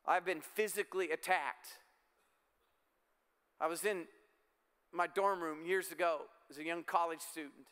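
A middle-aged male pastor delivering an emphatic, exhorting sermon. His voice sits high for a man, bright and crisp, and it rings with the long reverb of a church hall. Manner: emphatic, exhorting with repeated calls.

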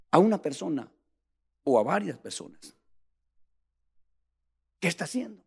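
Fervent preacher man, gravelly and high. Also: warm tone, big-room sound. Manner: fervent, emphatic, direct address to the congregation. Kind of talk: sermon.

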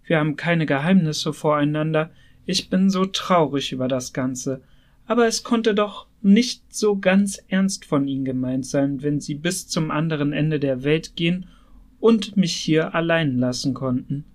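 A man's voice: fairly high pitch, unhurried, lightly acted. A man voicing a cool, polite young wife. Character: young married woman, polite, cool and detached.

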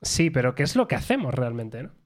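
A man's voice: medium pitch, very animated, fairly quick. A man with an accent from Spain hosting a casual tech podcast, colloquial and playful, talking straight to listeners. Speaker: podcast host.

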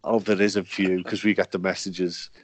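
A man's voice: sits low, little pitch movement, normal speed. A man hosting a podcast, chatty and joking, laughing often as he talks. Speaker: podcast host. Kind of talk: casual chat.

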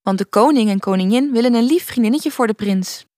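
A woman's voice: fairly high pitch, fairly quick, dark tone, no echo, clean studio sound, close to an everyday voice. A woman voicing a kind girl who tells a bedtime story in a reassuring way.

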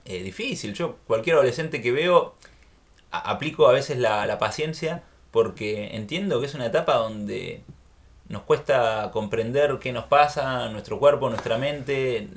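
A man with an Argentine accent, hosting a relaxed conversation. He talks in a reflective, unhurried way and laughs often. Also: medium pitch. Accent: Argentine Spanish. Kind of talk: casual chat.

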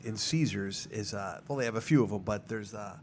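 A man's voice: on the low side, fairly quick, a little mellow, a little hiss or hum. A man co-hosting a podcast, speaking hesitantly with restarts and self-deprecating remarks. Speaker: podcast co-host. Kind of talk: casual podcast chat.

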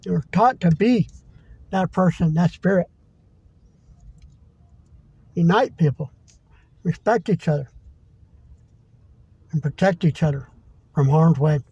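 Male podcaster, high pitch, mellow tone, heated profane rant, dull lo-fi sound. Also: slow, pauses often, breathy edge, dry recording. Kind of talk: impassioned monologue. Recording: dull lo-fi recording.

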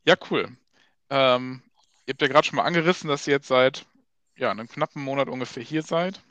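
A young man hosting a casual podcast chat, asking relaxed questions with many fillers. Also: medium pitch, a little fast, no echo. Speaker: podcast host.

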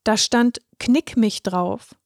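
A woman doing a high shy straw boy. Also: slow pace, a little mellow, no room sound, studio quality. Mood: timid. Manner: timid, earnest. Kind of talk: storybook reading.

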